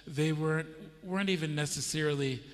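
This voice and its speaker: This middle-aged pastor from the United States tells a story from the church stage and quizzes his congregation during the sermon. He speaks a little high and a little fast into a handheld mic, the hall adding reverb.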